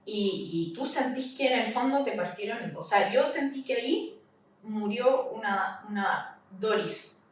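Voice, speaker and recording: A woman with a Chilean accent, a podcast guest recounting a personal loss, halting and repeating herself. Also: on the high side, lively intonation. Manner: halting, repeats herself, voice rises in retold questions. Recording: echoey room, mic at a distance, faint hiss.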